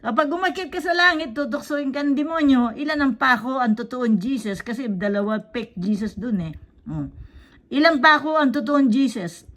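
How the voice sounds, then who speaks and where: A woman's voice: sits high, animated, normal speed, fairly bright tone. A woman telling stories to a child, casually quizzing and checking in with short questions. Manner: quizzing, checks in with "tama?" after each point. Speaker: storyteller to a child. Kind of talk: casual storytelling in mixed Tagalog and English.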